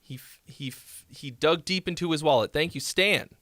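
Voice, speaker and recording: On his livestream, a music critique host with a nasal voice rambles casually about songs, leaning on fillers and restarts. His pitch sits fairly high, his speed normal, his tone a bit bright, and the studio-quality audio has no room sound.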